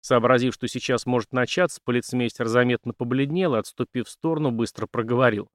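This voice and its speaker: A man reading a science-fiction audiobook as narrator with steady storytelling. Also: mid-range voice, fast talker, no echo, clean studio sound. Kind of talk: scripted narration.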